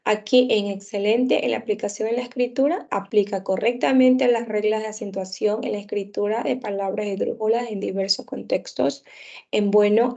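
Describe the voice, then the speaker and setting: A woman, a teacher, walking through a lesson plan in a halting way, with many fillers. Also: medium pitch, creaky, mellow, dull audio. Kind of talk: explaining a lesson plan for a class project.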